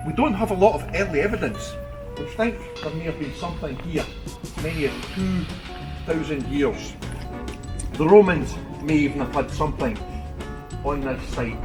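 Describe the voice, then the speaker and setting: Broad Scottish man guiding a tour, higher-pitched voice. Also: animated, moderate pace, over music. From Scotland. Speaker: castle tour guide. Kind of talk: guided tour talk to a group.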